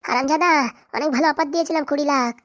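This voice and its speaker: A woman voices a scheming, foul-mouthed cartoon mother with a high voice who fires off scolding lines at great speed. She plots greedily and berates everyone around her. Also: very fast, lightly acted.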